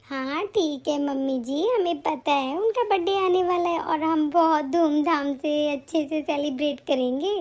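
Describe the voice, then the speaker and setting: A woman voicing a calm, caring elder daughter-in-law in an animated story. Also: high-pitched, a little slow, hardly any pauses. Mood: reassuring. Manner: soothing, reassuring.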